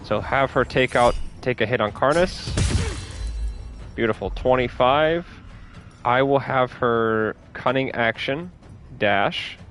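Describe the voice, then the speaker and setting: A man's voice: mid-range voice, slow, fairly bright tone, soft background music. A man giving casual, upbeat commentary while playing a game, thinking aloud about each move. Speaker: gameplay streamer.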